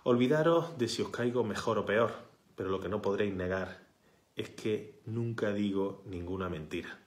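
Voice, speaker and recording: A fiery man speaks into a phone held at arm's length, his voice fairly low and insistent. He swings from forceful declarations to hushed, whispered stress. The small room behind him adds a noticeable echo. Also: normal speed. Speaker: healthcare worker and activist. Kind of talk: impassioned direct-to-camera protest appeal. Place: small indoor room, bright window behind. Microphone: phone camera at arm's length. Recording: echoey room.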